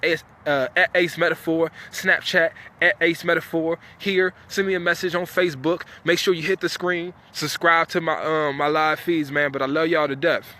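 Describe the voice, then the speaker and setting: A man's voice: a little high, pushed and bright. A man giving an informal motivational speech straight to his viewers, emphatic and repeating phrases for effect. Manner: informal, colloquial, direct address. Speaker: motivational speaker, live stream host.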